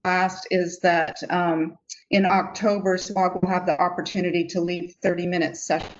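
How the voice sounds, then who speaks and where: Woman, lowish voice, halting, choppy cutting-out call audio, muffled lo-fi sound, faint hiss. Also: little pitch movement. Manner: halting, with fillers. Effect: choppy audio cutting out over a weak video call connection. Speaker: committee member giving a team update. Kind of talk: online meeting report. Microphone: computer on a video call.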